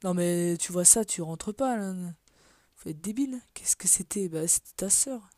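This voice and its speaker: A woman talks her way through a game in an offhand, muttering let's play style, often sinking to a half-whisper and swearing under her breath. Her voice is mellow and dark, and the recording is dry and close with no room sound. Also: lowish voice, expressive, moderate pace, no room sound. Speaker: gaming video creator. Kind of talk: casual let's play commentary.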